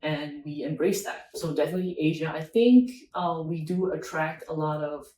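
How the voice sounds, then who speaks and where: A woman's voice: low-pitched, normal speed, mellow. A young woman, a guest in a casual interview, speaking in a friendly, thoughtful way and often restarting phrases. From Singapore. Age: young adult. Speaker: interview guest, agile coach. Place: busy conference venue. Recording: echoey, far from the mic, faint background noise.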